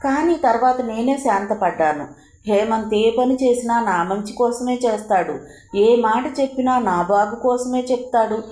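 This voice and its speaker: A woman narrating a novel as a first-person letter, in a measured and emotive reading style. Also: fairly high pitch, a little mellow, echoey room. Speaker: audiobook narrator.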